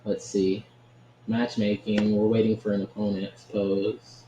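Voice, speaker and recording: A man's voice: lowish voice, little pitch movement, unhurried, warm tone, muffled recording. A man giving casual, chatty commentary while he plays a card game, often laughing and checking in with "right?". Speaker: gaming channel host. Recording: echoey room with faint ambient noise.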